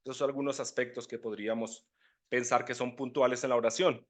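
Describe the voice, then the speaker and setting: A man's voice: mid-range voice, flat delivery, fairly quick. A man giving a conversational Bible teaching, often checking in with listeners. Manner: conversational, often asks "¿cierto?". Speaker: preacher.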